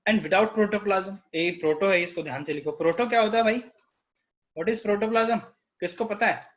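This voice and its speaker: A biology tutor with an Indian accent teaches an online class, mixing Hindi with English and questioning his students. His voice is high and moves at a normal pace, and the recording is muffled.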